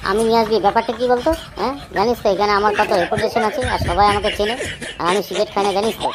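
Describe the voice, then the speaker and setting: Woman voicing fast-talking cartoon boy Bitkel. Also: mid-range voice, steady tone, lightly acted. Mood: worried. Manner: fast, chattering, nervous then cocky. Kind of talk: cartoon comedy voice acting.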